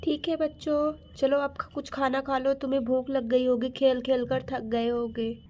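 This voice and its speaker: A woman's voice: high-pitched, little pitch movement, normal speed, a little mellow, lo-fi sound, natural voice. A woman voicing a worried mother who lectures her two daughters sternly. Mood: gentle.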